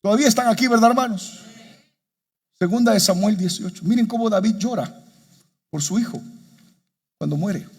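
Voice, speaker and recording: A man preaching a sermon as pastor, addressing his congregation directly and building to impassioned, slowed-down exhortations. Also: darkish tone, husky. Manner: impassioned preaching, rises high and slows for emotional quotes.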